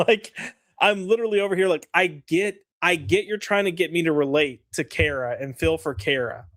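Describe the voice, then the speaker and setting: A man's voice: fairly high pitch, normal speed, a bit bright, dry recording, clean studio sound. A man co-hosting a casual comic review chat, frank and exasperated, rambling with fillers.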